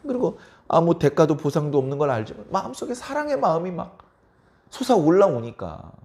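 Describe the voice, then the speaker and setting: A pastor preaching a midweek sermon, prompting the congregation for a response. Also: male voice, a little high, big pitch swings, brisk, a little mellow. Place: church service.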